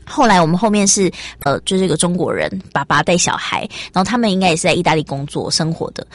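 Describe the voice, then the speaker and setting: Woman, podcast host, chatty and sympathetic, brisk pace, dry close mic. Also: fairly low pitch, animated, no room sound. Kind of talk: casual chat.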